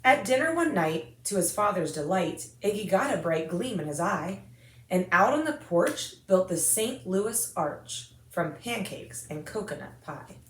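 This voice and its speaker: An American woman reading a rhyming children's picture book aloud in an expressive, singsong rhythm. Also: on the low side, a little slow, a little hiss or hum. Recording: echoey room.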